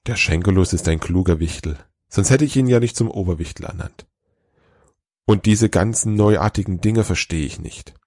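A man voicing an old, calm and tired Father Christmas who talks in a slow, patient way. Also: low voice, no room sound, clean studio sound.

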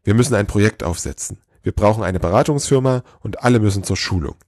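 Squeaky excitable elf done by a man, breathless, rushing, storybook reading, jumpy lively pitch, very dry sound. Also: breathy edge, dry recording, exaggerated voice. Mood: eager. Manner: high, rushing, breathless eagerness. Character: excitable small male elf, breathless and eager.

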